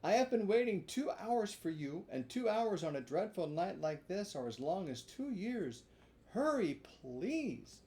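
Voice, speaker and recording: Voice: very animated, a little slow, mellow. The reader voicing a young marionette boy who pleads, begs and loses his temper in a storybook reading. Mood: pleading. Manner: high, urgent pleading.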